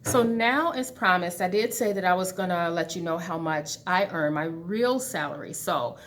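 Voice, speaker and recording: A woman's voice: on the low side, moderate pace, fairly bright tone. A woman in her forties speaking candidly to her webcam from an empty classroom, chatting casually as a budgeting channel host. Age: 40s. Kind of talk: casual talk to camera.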